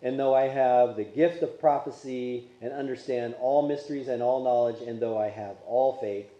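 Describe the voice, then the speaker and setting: A man teaches a Sunday school Bible class in a church classroom, talking conversationally and asking the class questions; Polish is his first language. His mid-range voice is steady at a moderate pace, and the recording is muffled and echoey.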